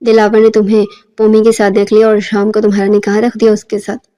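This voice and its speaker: A woman's voice: medium pitch, completely flat delivery, mellow, in a large hall, natural voice. A woman voicing an anxious, scheming middle-aged mother in a storybook reading, with fretful, pressing lines.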